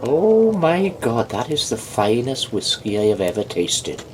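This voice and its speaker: A man's voice: low voice, fairly even intonation, brisk, darkish tone, a little hiss or hum, lightly acted. Man doing a wife character, astonished, raised voice, pub joke. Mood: amazed.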